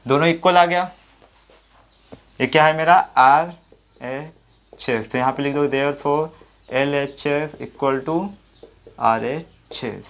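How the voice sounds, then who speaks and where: A man's voice: on the high side, fairly bright tone. A man teaching a maths lesson at the board, thinking aloud and answering his own questions step by step. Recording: dull lo-fi audio.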